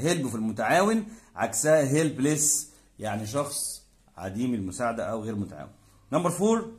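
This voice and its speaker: A man with an Egyptian Arabic accent, an English teacher explaining a textbook lesson. He reads English example sentences slowly and asks questions that he answers himself. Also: medium pitch.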